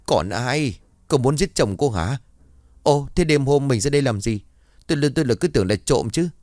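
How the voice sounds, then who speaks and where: A man voices a burly village wife, shrieking and scolding in a startled way, lightly acted and pitched above his own voice. His voice is mid-range, animated and darkish at a moderate pace, recorded in studio quality with no room sound.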